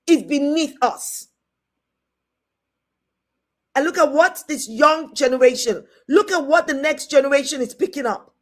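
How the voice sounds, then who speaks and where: A middle-aged woman with a British accent talks in a fairly high voice. She delivers a heated, indignant commentary rant. She scolds and repeats her points over and over for emphasis. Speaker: host.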